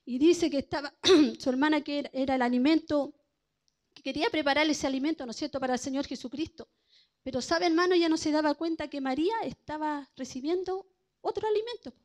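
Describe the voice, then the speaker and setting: A woman's voice: high voice, fairly quick, darkish tone. A woman preaching a sermon in a conversational way, often checking in with her listeners. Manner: conversational, keeps asking "¿no es cierto?".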